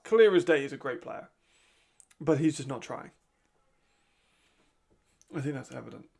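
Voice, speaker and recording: A man's voice: mid-range voice, animated, measured pace, creaky, a little mellow, slightly rough. A man giving casual, chatty live commentary while watching a football game, laughing often and trailing off mid-thought.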